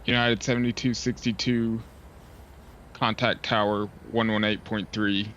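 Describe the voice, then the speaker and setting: Man, lowish voice, pilot on a cockpit headset, clipped formal readbacks, dull lo-fi sound. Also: flat delivery, unhurried, a bit bright. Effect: pilot speaking over a cockpit headset mic. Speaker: sim pilot talking to online air traffic control. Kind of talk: radio phraseology readbacks. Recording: dull lo-fi headset mic, faint hiss.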